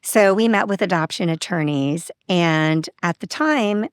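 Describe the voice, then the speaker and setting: On a podcast, a woman guest recounts a personal story in an open, casual manner, performing the things people said with animation. Her lowish voice is clear and resonant, a little slow, and the studio-quality audio has no room sound.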